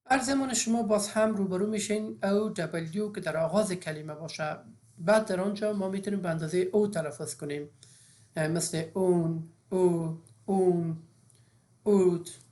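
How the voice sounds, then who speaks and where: A woman's voice: mid-range voice, darkish tone. A woman, teaching an English phonics lesson step by step with frequent fillers.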